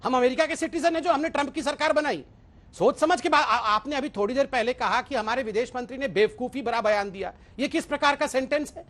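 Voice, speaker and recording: A man's voice: very high voice, fairly quick, fairly bright tone. A man speaking as a party spokesperson in a TV debate, emphatic and appealing to the anchor. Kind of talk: TV debate argument.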